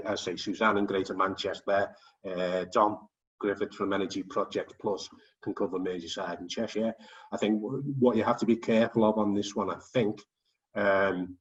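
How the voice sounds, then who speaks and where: A man with a low voice chairs an online forum over a video call. He talks in a loose, chatty way, full of ums and small jokes. He sits back from the mic, and the sound comes through muffled and dull. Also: distant mic. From England. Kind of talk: online meeting chat.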